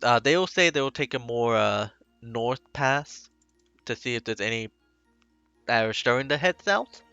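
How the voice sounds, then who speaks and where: Man, game master, laid-back, halting, bright voice, dull lo-fi voice chat. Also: mid-range voice, expressive, vocal fry, smooth, no echo, faint music behind. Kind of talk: narrating a tabletop game.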